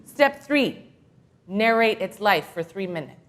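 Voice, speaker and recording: A woman minister giving a playful, animated children's talk during a worship service, asking the kids questions and reading short tips aloud. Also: mid-range voice, unhurried, noisy background. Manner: animated, playful, gently encouraging. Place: church sanctuary.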